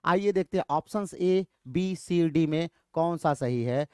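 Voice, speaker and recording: A man teaching English literature to students, reading quiz options slowly and explaining briskly, calling them children. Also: a little high, dark tone, clean tone, dry recording, clean studio sound. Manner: addresses students as bachhon and beta, urges quick answers. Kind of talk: quiz lesson in Hindi mixed with English.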